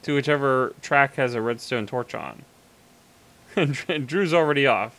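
A man's voice: mid-range voice, measured pace, fairly bright tone. A man hosting a casual gameplay session, thinking aloud with enthusiasm as he explores. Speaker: let's play host.

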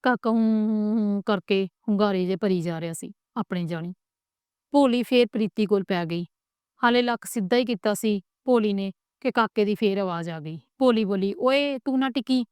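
A woman storyteller with a Punjabi accent reads a family tale at a steady pace. Her voice is smooth and resonant and recorded very dry, with no room sound. The narration stays plain and even. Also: mid-range voice, normal speed, dry recording. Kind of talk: storybook reading.

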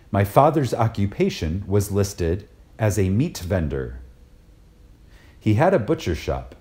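A man's mellow voice, on the low side, carries a spiritual lecture that he reads aloud. He is reverent and dramatic, emphatic and deliberate, and he pauses for effect.

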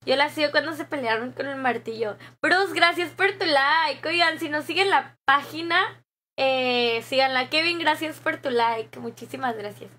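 High-voiced Mexican woman streamer chatting. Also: normal speed, sharp tone. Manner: chatty, reads comments aloud, often laughs. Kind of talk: casual live-stream chat with viewers. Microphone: desk microphone.

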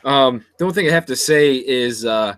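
A young man co-hosting a casual football chat, giving firm opinions and dropping dry jokes. His voice sits at an ordinary middle pitch. The recording is close and dry. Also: normal speed, fairly bright tone, smooth, no room sound. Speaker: co-host.

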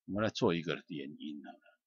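A man giving a loose, chatty software tutorial, filled with "ah" and "hao" fillers. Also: very deep voice, fast talker, breathy edge, dry recording, muffled recording. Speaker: music software instructor. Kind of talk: screen-recorded software tutorial.

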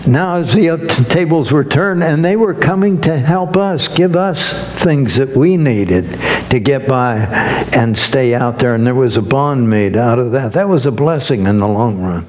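An older man giving a sermon as guest minister, preaching slowly and emphatically with lifted, rising phrases. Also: medium pitch, lively intonation, darkish tone, a little hiss or hum.

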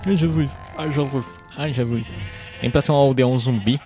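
A young Brazilian man hosting a gaming channel provides live gameplay commentary in a medium-pitched voice at normal speed. Jumpy and easily startled, he often cries out in alarm and chats to the animals and himself, with game music and sheep bleats behind him.

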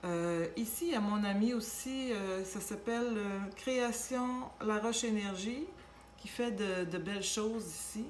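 A woman with a Québécois accent giving a casual tarot reading, gentle and reassuring, with many fillers and restarts. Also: medium pitch, unhurried. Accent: Québécois French. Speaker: tarot reader. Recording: echoey room with faint background noise.

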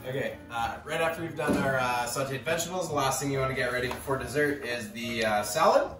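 A man's voice: medium pitch, fast, a bit bright. A young adult man, a chef, giving step-by-step cooking instructions casually, with lots of "uh" fillers, in a restaurant kitchen. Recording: echoey kitchen, distant, music behind.

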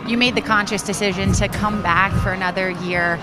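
A woman's voice: medium pitch, fairly even intonation, brisk, a loud crowd. A young woman sideline reporter with a handheld mic, questioning coaches and players on a field at night in a polished, friendly way. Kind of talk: postgame sideline interview. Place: outdoors on a football field at night. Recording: outdoor broadcast with music bed.

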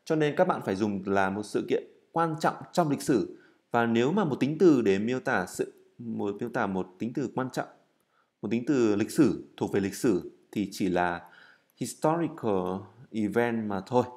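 A man teaches a recorded English class, writing as he explains each step, often filling pauses and correcting himself, and slowly repeating words as drills. He has a mid-range, slightly mellow voice with lively intonation.

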